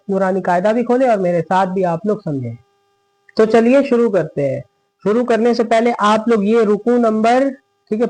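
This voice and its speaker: A man teaching Quran reading in an online lesson, patiently asking and answering his own questions and slowly drawing out the verses he recites. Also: sits high, darkish tone, rough recording. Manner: slow drawn-out chanting of verses.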